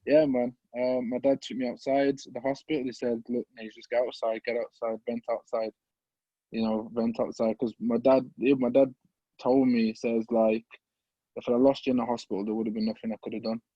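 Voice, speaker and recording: A young man from the Midlands, a podcast guest telling an emotional personal story, halting and repeating words as he holds back tears. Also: medium pitch, level tone, dark tone, no room sound, lo-fi sound. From English Midlands.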